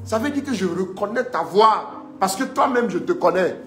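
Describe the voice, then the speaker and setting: A man with a high, lifted voice delivers a live-streamed sermon and hammers each point home by repeating it. His words ring through an echoey room, and faint guitar music hums beneath them. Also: animated, moderate pace, a bit bright. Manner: emphatic, repeats phrases, urges listeners on.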